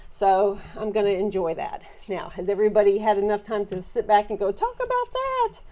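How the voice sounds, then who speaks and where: Woman, Southern US accent, chatty, meandering, casual show-and-tell, mid-pitched voice. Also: level tone, a little fast, warm tone. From Southern United States. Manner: chatty, meandering, many fillers and restarts.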